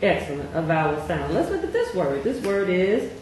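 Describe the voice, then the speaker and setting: A woman's voice: lowish voice, big pitch swings, a little mellow. A woman tutoring a child in reading, asking patient questions and praising often. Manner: patient, encouraging, slow questioning prompts. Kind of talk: one-on-one phonics tutoring. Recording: very echoey room, faint noise.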